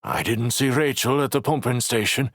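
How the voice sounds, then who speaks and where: A man narrating an audiobook voices a bitter, injured male crew leader with a rough, growling, scornful delivery. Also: medium pitch, moderate pace, no echo, studio quality, pitched above the performer's own voice, natural voice. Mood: despairing.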